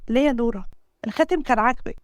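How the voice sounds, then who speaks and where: A woman voicing a gentle, teasing young husband, speaking with an Egyptian Arabic accent. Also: a little high, very fast, dry recording, studio quality, lightly acted. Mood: tender. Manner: coaxing, playful.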